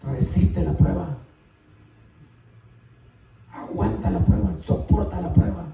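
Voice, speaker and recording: A man preaching a sermon, animated and calling out to the congregation often. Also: medium pitch, slow pace, creaky, a little hiss or hum. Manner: animated, calls out "hermano" often. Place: church sanctuary. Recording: echoey church from far off.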